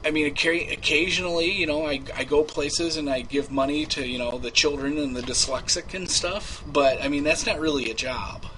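A man's voice: on the high side, normal speed, hardly any pauses, a crowd in the background, lightly acted, low-quality recording. A man playing a creepy, unhinged rich young man who rambles and stammers through filler words in a prank-call comedy bit. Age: 20s.

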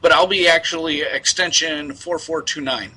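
A man talks casually on a call, like an organizer walking someone through details. His voice is sharp and a little raspy, and he repeats himself as he explains. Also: fairly high pitch, normal speed, low-quality recording. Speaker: prank caller posing as a prison program organizer. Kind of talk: improvised casual phone talk.

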